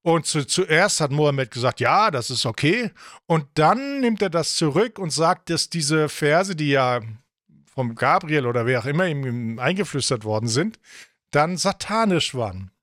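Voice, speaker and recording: Male host, joking, rambling, slightly high voice, dry close mic. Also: animated, a little slow, a bit bright, dry recording. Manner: joking, rambling, self-correcting. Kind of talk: casual talk show discussion.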